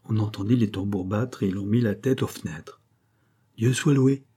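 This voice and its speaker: A man reading a classic adventure novel aloud in measured, even scripted narration. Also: fairly low pitch, slightly rough. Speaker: audiobook reader.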